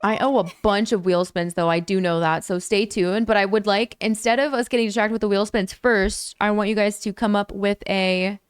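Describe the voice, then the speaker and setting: A young livestreamer chats loosely with viewers while gaming, suddenly erupting into high, excited squeals of thanks for donations. Her tone is clear and resonant, though a bit lower and worn after hours of talking, in a dry, studio-quality recording.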